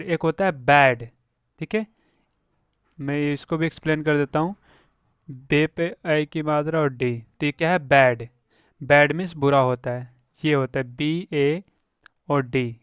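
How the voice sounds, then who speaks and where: A man's voice: fairly high pitch, clean tone, no room sound, highs cut off. A young man with a Hindi accent teaching English reading, spelling words out letter by letter and repeating them for beginners. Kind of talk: slow spelling-out lesson.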